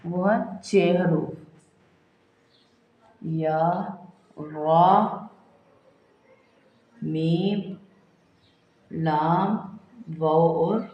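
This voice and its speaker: A woman teaching a step-by-step recitation lesson, asking and answering her own questions and stretching each example out slowly. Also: fairly low pitch, roomy sound, rough recording. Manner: repeats examples slowly and drawn out.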